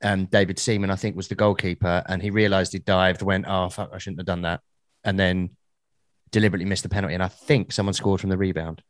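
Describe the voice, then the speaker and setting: A man's voice: low-pitched, little pitch movement, fast talker, dry recording. A man co-hosting a podcast, telling stories in a blunt, laid-back way. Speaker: podcast co-host. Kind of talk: casual podcast chat.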